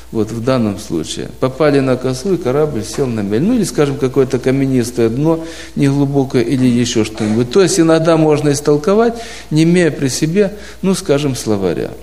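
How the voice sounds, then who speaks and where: A man's voice: medium pitch, expressive, brisk, dark tone. A man giving an informal talk to a group of church brothers, patiently explaining points with homely examples and questions. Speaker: preaching instructor. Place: church congregation abroad.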